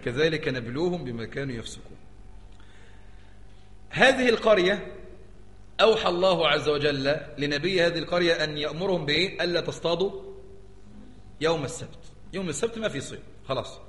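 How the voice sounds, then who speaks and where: An Egyptian sheikh lectures at a brisk clip, his slightly raised voice ringing through a large hall with a long, echoing tail. He teaches in a lively way, constantly tossing rhetorical questions back at the listeners. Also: on the high side. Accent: Egyptian Arabic. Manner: animated, keeps asking the audience rhetorical questions. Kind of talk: religious lecture. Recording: echoey hall with long reverb.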